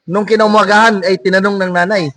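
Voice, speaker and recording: A man's voice: high voice, level tone, quick pace, fairly bright tone. A man co-hosting a casual comedy talk show, playful and telling jokes with many ah fillers. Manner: playful, tells jokes, restarts and fills with ah. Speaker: co-host.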